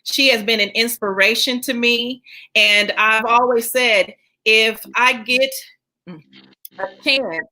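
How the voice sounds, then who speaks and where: A woman's voice: a little high, pushed and bright, poor audio. A woman hosting a live podcast stream, greeting viewers by name with upbeat faith-centered encouragement and reading her guest's bio. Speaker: podcast host.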